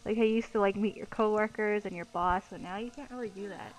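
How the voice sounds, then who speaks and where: A woman's voice: medium pitch, fairly even intonation, fairly quick. A young woman giving casual, exclamatory commentary while playing a life-sim game, swearing freely. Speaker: let's play gamer.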